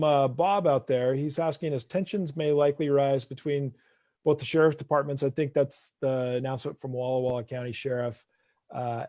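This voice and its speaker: Male host, relaxed and dry-sounding, friendly casual chat, reading viewer questions. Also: mid-range voice, no echo. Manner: friendly, thanks guests, reads audience questions. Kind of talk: casual video call chat. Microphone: video call.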